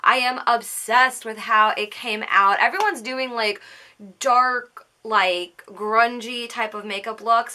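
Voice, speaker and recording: A woman's voice: a little high, sharp tone. A young woman from the United States hosting a makeup tutorial, upbeat and gushing, often saying "like" as she narrates each step. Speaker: makeup artist and beauty channel host.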